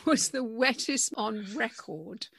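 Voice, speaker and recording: A woman's voice: fairly high pitch, animated, slow pace, gravelly, a bit bright, a little hiss or hum. A woman with an English accent hosting a gardening podcast, chatting with her co-host. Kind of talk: podcast chat and sponsor reads.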